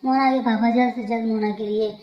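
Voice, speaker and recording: A woman giving scripted story narration in a steady, even storytelling manner. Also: a little high, a little fast. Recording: dull echoey recording.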